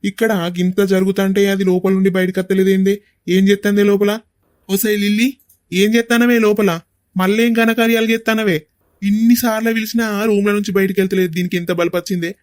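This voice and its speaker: A man's voice: high voice, little pitch movement, quick pace, dry recording, studio quality, lightly acted. A man voicing a hot-tempered, bossy young village son in a cartoon, with a Telangana Telugu accent. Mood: angry. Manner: angry, bossy shouting. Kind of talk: cartoon voice acting.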